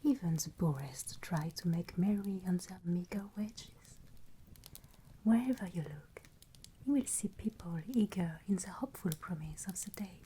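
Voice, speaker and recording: A woman playing a solemn, gently admonishing female Christmas spirit in a whispered ASMR roleplay, telling things in a hushed, storytelling way. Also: fairly low pitch, a little hiss or hum, rough recording.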